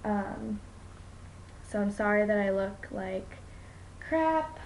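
A woman's voice: medium pitch, flat delivery, takes it slowly, gravelly, slight background noise. A young mother giving a casual home video update about her toddler, chatty and rambling with many ums, tired after a poor night's sleep. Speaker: young mom vlogger.

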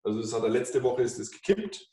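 A man's voice: medium pitch, fairly quick, warm tone. A man in his fifties, a financial advisor presenting at a whiteboard in an office, explaining with many fillers and restarts. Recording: echoey office, mic far off.

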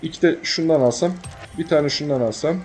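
Rowdy high-voiced young man gaming. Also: a little fast, faint music behind. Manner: rowdy, swearing, yelling at the game. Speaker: gaming channel host. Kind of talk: let's play commentary.

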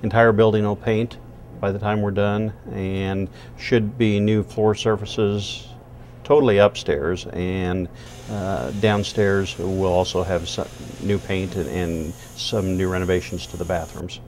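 A man's voice: deep voice, little pitch movement, unhurried, darkish tone, a little hiss or hum. A man from a college's facilities side, explaining plainly and matter-of-factly on camera, with frequent uhs, in a large indoor hall. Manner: matter-of-fact, listing details with many uhs. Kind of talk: on-camera interview.

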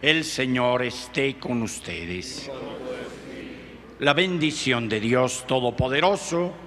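Slow-praying priest in an echoey church. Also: male voice, mid-range voice, expressive, a crowd in the background. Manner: solemn, measured recitation. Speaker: priest presiding at Mass. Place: large reverberant church. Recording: echoey church hall with clear background noise.

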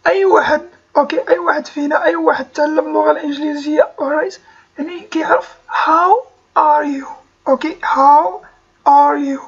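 A Moroccan-accented woman gives an English lesson in a high, gravelly voice. She says each phrase slowly and repeats it several times, with plenty of "okay" and "alright" in between. The recording sounds dull and lo-fi. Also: fairly even intonation. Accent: Moroccan Arabic. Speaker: English teacher. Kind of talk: language lesson video.

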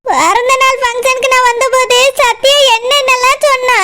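A woman's voice: very high-pitched, normal speed, bright, forceful tone. A woman voicing a jealous young wife in a cartoon, accusing her husband through sobbing complaints. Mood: hurt. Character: tearful jealous young wife, quick to suspect. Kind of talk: cartoon voice acting.

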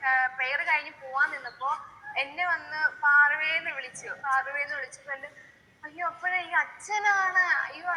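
A young woman being interviewed, speaking softly and consolingly, with hesitant pauses. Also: sits high, long reverb tail, low-quality recording. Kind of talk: emotional interview.

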